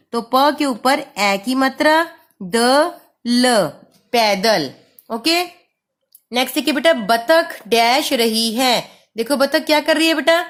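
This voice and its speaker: A woman's voice: sits high, a bit bright. A woman teaching young children a Hindi lesson, patiently sounding out each syllable and affectionately calling the pupils "beta". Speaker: primary school Hindi teacher.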